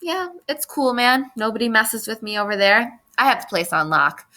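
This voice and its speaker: Brief: teenage boy faking swagger, read by a woman narrator, bright voice. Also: on the high side, sing-song, normal speed. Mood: bluffing. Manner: unconvincing bravado. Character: teenage boy bluffing to his crew.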